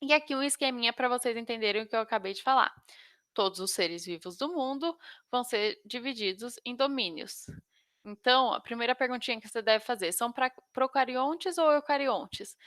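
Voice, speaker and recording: A woman's voice: a little high, brisk, fairly bright tone, no room sound, studio quality. A Brazilian woman with a slight tongue-tied lisp, teaching an informal biology lesson to exam students and stumbling over technical terms.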